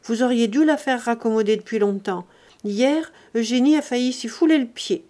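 A woman's voice: fairly high pitch, normal speed, dark tone, lightly acted. A woman doing a meek, dignified mother. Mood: gentle. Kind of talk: audiobook character voice.

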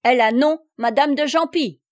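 A woman's voice: sits high, animated, unhurried, pitched above the performer's own voice. A woman voicing an old, wealthy male baron who speaks clumsy French with a put-on German accent. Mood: blunt. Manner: clumsy mangled French, blunt.

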